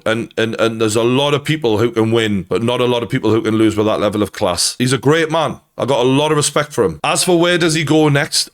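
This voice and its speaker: A man giving conversational, opinionated sports reaction commentary, emphatic and prone to swearing. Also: mid-range voice.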